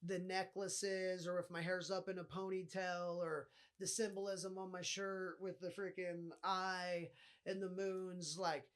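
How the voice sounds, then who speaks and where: A man's voice: high voice, level tone, a little slow, a bit bright, clear, resonant tone. A man with a nasal voice hosting a casual solo podcast, rambling and swearing often as he talks. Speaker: podcast host.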